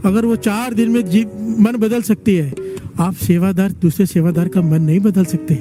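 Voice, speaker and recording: A man's voice: high-pitched, fairly even intonation, normal speed, over music. A man giving a devotional sermon, telling stories and urging the congregation to chant responses back to him. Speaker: preacher leading a devotional gathering.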